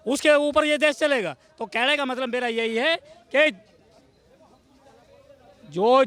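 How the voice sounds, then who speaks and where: A man's voice: very high-pitched, pushed and bright. A man in a street interview outdoors, declaiming like a speech and making accusations. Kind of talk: heated street vox pop.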